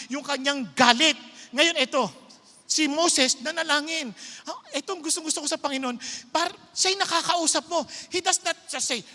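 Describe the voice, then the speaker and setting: Male preacher, emphatic conversational sermon delivery, bright tone. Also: extremely high pitch, big-room sound.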